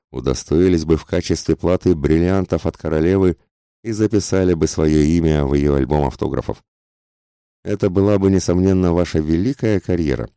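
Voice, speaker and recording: Man as a cold, cutting aristocrat in an audiobook, very deep and dark. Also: no echo, clean studio sound.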